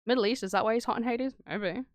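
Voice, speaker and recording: Her pitch sits fairly high and she talks at a quick pace, with clean studio sound and no room noise. A woman streamer reacting to horror videos, she rambles casually through sweary, irreverent stories and acts out the dialogue in them.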